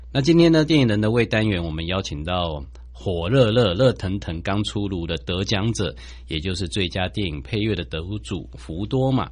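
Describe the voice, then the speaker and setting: Very deep Taiwanese Mandarin male host. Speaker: podcast host, interviewer. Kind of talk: presenting and interviewing.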